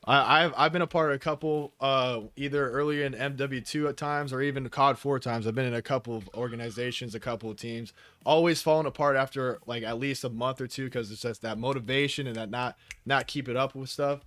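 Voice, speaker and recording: A man's voice: medium pitch, fairly even intonation, fairly quick, a bit bright. A man hosting a casual podcast interview, speaking in an informal, slangy, enthusiastic way with plenty of swearing. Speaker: podcast host.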